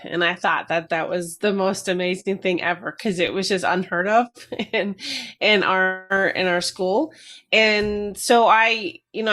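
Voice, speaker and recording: A middle-aged retired army veteran from New Jersey, USA, speaks as a guest in a casual interview. Her voice is medium-pitched and fairly bright, and she talks candidly and reflectively with some hesitations.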